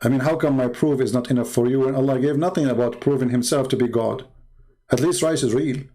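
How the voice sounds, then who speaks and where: A fast-talking Middle Eastern man with a warm, mid-range voice hosts a casual live stream, his Arabic accent reflecting his native language. He's a religious apologist with a sarcastic, mocking manner who repeats phrases for emphasis.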